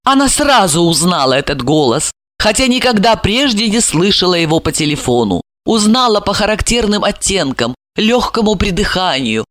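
A woman narrating an audiobook in an expressive storytelling manner. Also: medium pitch, normal speed, few pauses, no echo, clean studio sound. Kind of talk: scripted narration.

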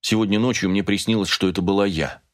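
A man reading the lines of a calm, quiet wife who speaks evenly and matter-of-factly. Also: low-pitched, fast talker, dry recording, studio quality, natural voice. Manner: quiet, even, matter-of-fact.

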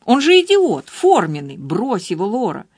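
A woman's voice: mid-range voice, wildly swooping pitch, moderate pace, darkish tone, breathy edge, dry recording, clean studio sound. A woman voicing an outspoken, exasperated female friend who scolds and pleads emphatically.

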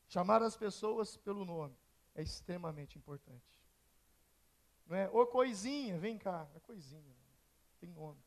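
A Brazilian man preaches from the pulpit with an unusually high, gravelly voice. He tells stories and plays out the dialogue himself, then turns to the congregation with pointed, emphatic questions. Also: a little mellow. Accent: Brazilian Portuguese. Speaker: pastor. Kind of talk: sermon. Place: church.

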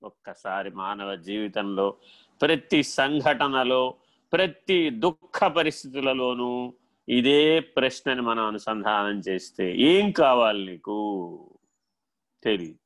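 A man giving a spiritual discourse, animated, swinging from loud rhetorical questions to quiet asides and acting out little dialogues in his own voice. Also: mid-range voice, takes it slowly. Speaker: spiritual teacher.

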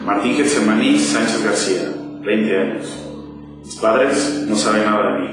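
A man's voice: lowish voice, unhurried. A man giving a solemn first-person memorial reading, grave and indignant. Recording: echoey hall from far off, music behind.

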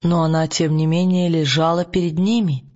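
A man reading an audiobook aloud in a calm, measured storytelling manner. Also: on the high side, lo-fi sound. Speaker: audiobook narrator. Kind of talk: scripted narration.

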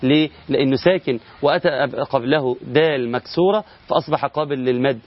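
A man's voice: mid-range voice, fast, lo-fi sound. A middle-aged man with an Egyptian Arabic accent teaching Quran recitation rules in a recorded lesson, explaining step by step, asking and answering his own questions and drawing out sample words.

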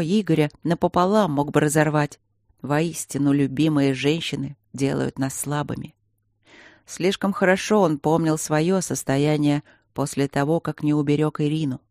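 A man reading an audiobook in a steady, even scripted narration. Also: on the high side, no room sound, clean studio sound.

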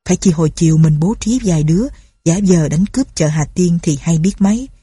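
A woman voicing nervous young bandit henchmen who talk in hushed, worried tones. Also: lowish voice, a little fast, slightly rough, no room sound, clean studio sound.

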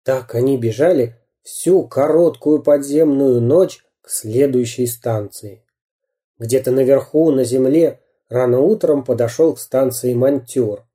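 Man narrating a children's story, slow, measured, dark mellow tone. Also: medium pitch. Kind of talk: storybook reading.

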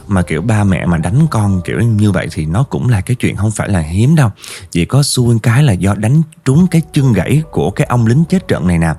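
A man's voice: on the low side, dark tone, husky. A man with a Southern Vietnamese accent narrating a ghost story vividly, speaking directly to his listeners. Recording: faint background music.

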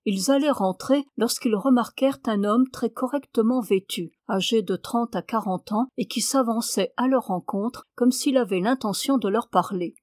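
A woman reading a novel aloud in a steady, measured narration. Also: fairly high pitch, dry recording, clean studio sound. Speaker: audiobook reader.

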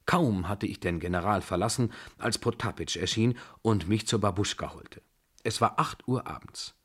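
Low-voiced man reading a novel aloud. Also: slightly rough. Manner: measured, expressive storytelling. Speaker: reader.

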